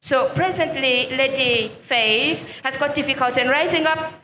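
High bright woman commentating in an echoey hall. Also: normal speed, a little hiss or hum. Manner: reads medical report aloud, proclaiming. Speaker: ministry commentator. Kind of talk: live church commentary. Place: large hall with crowd and music.

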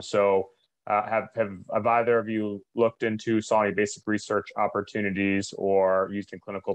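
Low-voiced man moderating a Q&A, polite and reassuring as he relays audience questions. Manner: polite, reassuring, slightly rushed. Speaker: webinar moderator.

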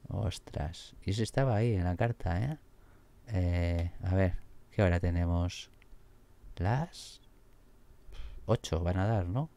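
A man commenting on a video game as he plays it. His voice sits fairly low with a gravelly, fried edge. He is excitable, swears freely and exclaims often. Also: slow pace, long pauses. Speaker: gaming streamer. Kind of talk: let's play commentary.

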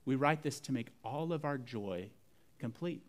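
A man's voice: mid-range voice, animated, a little slow. A man preaching a sermon as pastor, earnest and building emphasis through repetition.

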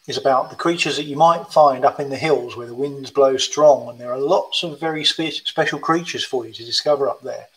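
A tired man chattily showing his children's books, with fillers and gentle rhyme readings. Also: medium pitch, rough recording. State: tired, yawning. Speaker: children's book author. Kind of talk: casual book presentation with rhyme readings.

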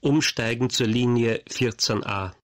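Guy doing subway announcements, formal and measured, mid pitched voice. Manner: formal, measured listing of stops and transfers. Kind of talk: subway station announcement, scripted.

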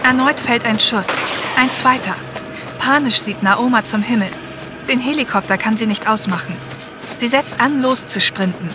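A woman narrates an audio drama from a script, her voice a little high and her pace moderate, with music underneath. Clear helicopter sounds, vehicles, ambience and other effects play in the background.

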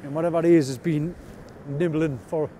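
A man's voice: fairly high pitch, steady tone, brisk, warm tone. A man, chatting casually and with understated humour as he fishes from rocks at night in wind and rain. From North East England. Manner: chatty, self-deprecating, understated. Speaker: angler vlogger. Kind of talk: casual fishing vlog narration. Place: outdoors on rocky shore at night, wind and rain. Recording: outdoor camera audio with faint wind noise.

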